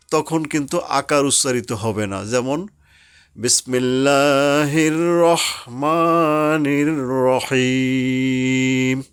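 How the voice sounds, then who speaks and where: A man teaching Quran recitation rules patiently, drawing out the example words slowly. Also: fairly high pitch. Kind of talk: slow explanatory tajweed lesson.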